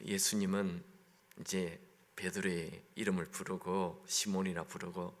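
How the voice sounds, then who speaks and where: Pastor preaching in an echoing church. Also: male voice, low-pitched, little pitch movement, measured pace. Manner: conversational, asks the congregation questions. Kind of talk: sermon. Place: church sanctuary. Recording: long echo of a large hall.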